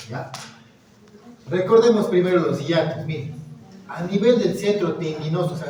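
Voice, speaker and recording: A male anatomy lecturer teaching a class, quizzing students and encouraging them with frequent "very good.". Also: fairly high pitch. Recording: echoey lecture hall, mic far off, students audible. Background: students murmuring and answering.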